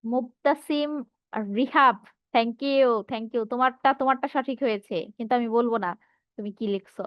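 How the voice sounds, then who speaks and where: High-voiced woman teaching an online class. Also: moderate pace, no room sound, dull audio. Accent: Bangladeshi Bengali. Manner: reads out students' answers and asks rhetorical questions.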